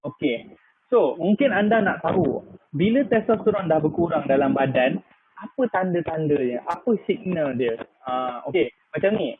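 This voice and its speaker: Over a tinny, phone-like line with faint noise, a thirties-aged man with a Malaysian Malay accent presents products in a live online sales pitch, chatting away with lots of "ah" and English words mixed in. His voice is slightly high, expressive and a bit breathy, at a normal speed.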